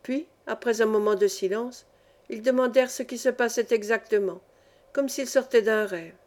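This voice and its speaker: A woman's voice: on the high side, moderate pace, a little mellow. Woman narrating a classic novel. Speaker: audiobook reader.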